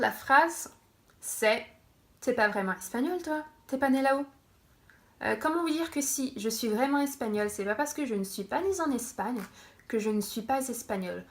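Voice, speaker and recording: A young woman from France chatting casually on her vlog, laughing often and correcting herself as she goes. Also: a little high. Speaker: vlogger.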